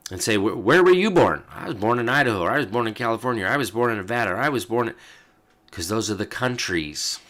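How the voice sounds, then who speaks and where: Speaking in a fairly low, fairly bright voice, a man hosting a show reads out old legal texts. He explains them as he goes, sprinkling in fillers and asides.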